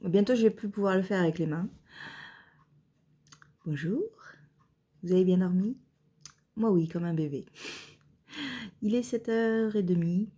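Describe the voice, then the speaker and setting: A woman vlogging casually at home, hesitant and chatty with many pauses and fillers. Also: medium pitch, mellow. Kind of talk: casual vlog chat.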